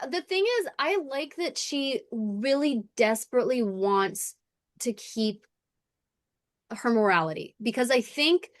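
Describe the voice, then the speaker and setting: A woman's voice: fairly high pitch, dry recording, studio quality. A woman co-hosting a podcast, chatting casually and animatedly about a TV episode, swearing freely and acting out the scenes. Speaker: podcast co-host. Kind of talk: casual recap chat.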